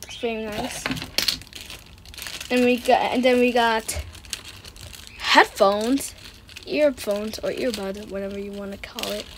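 Taking her time with long pauses, a woman with a fairly high, fairly even voice hosts a laid-back unboxing, offering short, repetitive comments while handling items. She's in an indoor room with a wooden floor, and clicks and handling noise can be heard.

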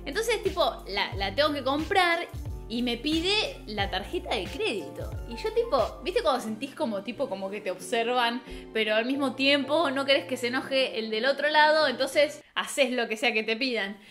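Young woman, Rioplatense accent, high bright voice, animated slangy vlog talk, faint background music. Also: normal speed. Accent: Rioplatense Spanish. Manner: animated, slangy, self-mocking storytelling. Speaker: vlogger. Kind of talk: casual storytelling vlog.

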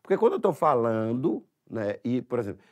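A man's voice: mid-range voice, very animated, a little fast. A man teaching an exam-prep language lesson in a Sergipe Brazilian Portuguese accent, explaining step by step and checking in often with tag questions.

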